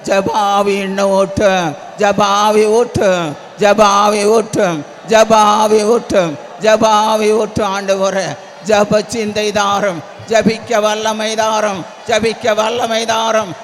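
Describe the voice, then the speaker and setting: A pastor with a Tamil accent delivers a sermon and loud congregational prayer in a high, flat voice at an unhurried pace, repeating his pleas until they build into shouted prayer. The church prayer hall gives a long reverb tail, with faint hum, faint music, and a faint crowd behind him.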